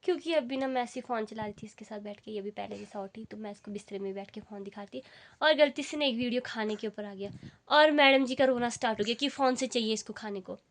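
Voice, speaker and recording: A woman's voice: fairly high pitch, fast talker. A young woman chatting casually in a family vlog, coaxing and scolding her small kids as she goes. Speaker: vlogger and mother.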